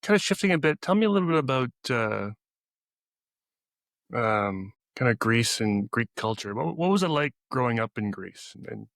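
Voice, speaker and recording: A man's voice: medium pitch, sing-song, normal speed, gravelly, fairly bright tone, no room sound. Man, interview host, attentive, murmured acknowledgements, dry recording. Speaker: podcast host.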